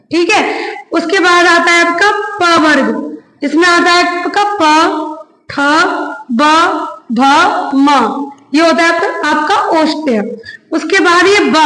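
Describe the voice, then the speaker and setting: A woman teacher giving a slow classroom lecture, repeating each point and quizzing her listeners with questions. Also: extremely high pitch, a bit bright. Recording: echoey room.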